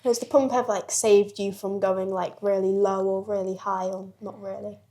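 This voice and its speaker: A teenage girl hosts the podcast, asking questions and chiming in with quick agreement. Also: mid-range voice, little pitch movement, dark tone. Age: teens. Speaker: podcast host. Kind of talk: casual interview.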